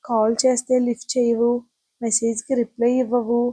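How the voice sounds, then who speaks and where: A woman's voice: a little high, flat delivery, moderate pace, warm tone, husky, no echo. Woman doing a tearful pleading young woman.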